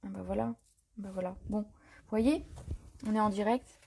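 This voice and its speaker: Husky, mellow-voiced woman chatting through a craft demo. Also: mid-range voice, moderate pace. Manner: chatty and relaxed, many fillers and self-corrections. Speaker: craft demonstrator hosting a live stream. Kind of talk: live paper-craft tutorial, improvised chat.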